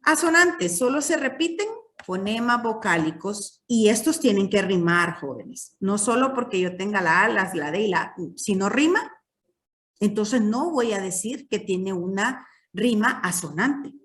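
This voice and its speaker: A woman's voice: medium pitch, expressive, unhurried, a bit bright, recorded from a distance. A woman teaching a literature class, explaining patiently and checking in with her students often.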